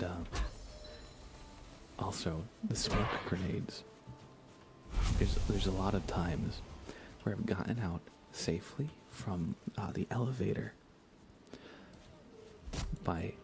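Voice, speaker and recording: Speaking quietly on his ASMR gaming livestream, this male streamer has a very low, fry-heavy voice. His soft-spoken chat often sinks nearly to a whisper as he ambles unhurriedly from one thought to the next, with constant noise plainly present in the background.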